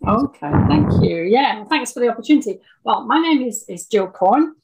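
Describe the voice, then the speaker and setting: An older woman in her 60s or older from Birmingham in the English Midlands, an audio drama writer, talks conversationally as an interview guest and tells stories in an English accent. Her voice is a little high and gravelly, with lively intonation at normal speed, and the recording is very noisy.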